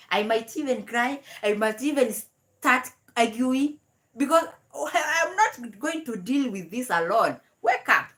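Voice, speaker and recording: A woman's voice: on the high side, fairly bright tone. A young woman hosting a live stream, giving mocking commentary and laughing between remarks.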